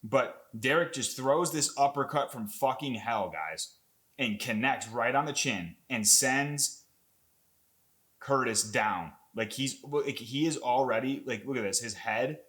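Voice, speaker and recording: A young man with an ordinary middle-pitched voice talks through a fight replay for his channel. He rambles loosely, piles on fillers and curses, and gets worked up over the action. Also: a little slow. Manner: excitable, rambling, swears a lot, many fillers. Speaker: MMA content creator. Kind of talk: casual fight breakdown commentary.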